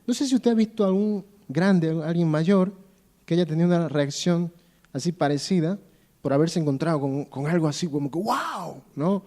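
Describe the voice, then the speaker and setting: A man's voice: a little high, a little fast, warm tone. A man preaching to his church in a conversational way, repeating phrases for emphasis and telling stories with many fillers. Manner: repeats phrases for emphasis, addresses listeners directly; storytelling with many fillers and restarts. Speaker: pastor. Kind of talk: conversational sermon.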